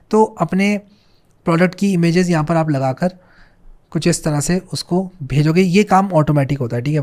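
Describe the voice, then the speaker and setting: A man's voice: a little high, a little mellow. Chatty man explaining a tutorial. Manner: chatty, repeats "theek hai" and "bhai", reads on-screen English slowly. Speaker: coding tutorial host. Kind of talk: casual screen-share tutorial.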